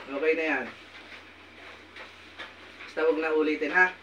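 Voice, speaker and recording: A man performing a folk healing ritual, sternly commanding and scolding his patient and sometimes speaking quietly to viewers. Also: fairly high pitch, steady tone, moderate pace, highs cut off, slight background noise. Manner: loud, forceful voice that drops to quiet asides. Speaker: folk healer.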